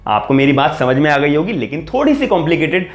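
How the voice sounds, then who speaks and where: A man's voice: on the high side, sing-song, quick pace. Echoey man explaining law in class. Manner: conversational, restates points, mixes English legal terms. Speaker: law tutor. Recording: echoey room with faint music.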